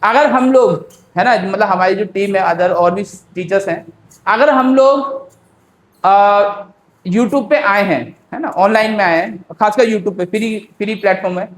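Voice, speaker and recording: A man teaching an exam-prep lesson in a chatty, unhurried way, often checking in with his students. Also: high voice, a little hiss or hum. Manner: chatty, repeats tag questions, calls listeners "beta"; speaks slowly by habit. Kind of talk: casual exam-prep lecture. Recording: roomy echo.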